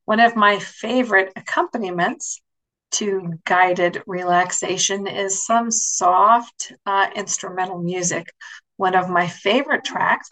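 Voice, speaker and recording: A woman's voice: fairly low pitch, vocal fry, fairly bright tone, low-quality recording. A woman wellness instructor talking conversationally as she explains and introduces relaxation techniques. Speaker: wellness instructor and nurse coach.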